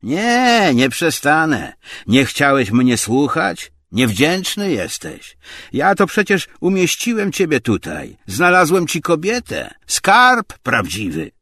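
A man voicing a coarse, spiteful man who shouts and mocks in a hoarse voice. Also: mid-range voice, sing-song, slow, voice pushed up, exaggerated voice. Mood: furious. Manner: shouting, mocking, abusive.

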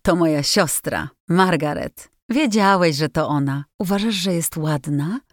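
A woman's voice: low-pitched, a little slow, no echo, clean studio sound. Woman voicing a spirited tomboyish teenage girl. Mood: eager. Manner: eager, lively questions.

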